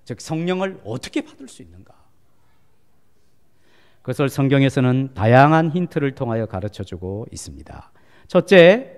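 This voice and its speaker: In a church sanctuary, a male pastor with a mid-range voice preaches a Sunday sermon, putting questions to the congregation. He swings between loud exhortation and hushed near-whispers. The recording carries the long reverb of a church hall.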